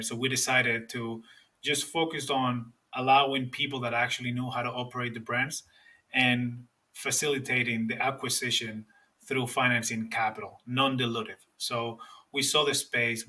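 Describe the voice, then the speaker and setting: A man's voice: medium pitch, sharp tone, far from the mic. A man in his thirties from Spain with a Spanish accent, a guest explaining earnestly in a podcast interview with frequent restarts.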